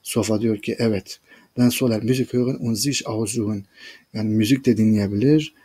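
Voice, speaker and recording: Husky man reading and translating a story. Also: fairly low pitch, steady tone, brisk, warm tone. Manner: addresses listeners as friends, explains each sentence. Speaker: German language teacher reading a story. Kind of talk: reading a German story aloud and translating it line by line.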